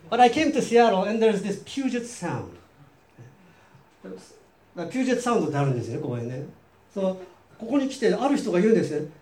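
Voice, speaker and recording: A man from Japan, his voice high-pitched and darkish, gives a sermon in a Japanese accent at a church hall in Seattle. He talks casually, asks his listeners questions, and restates every point in a second language on his own.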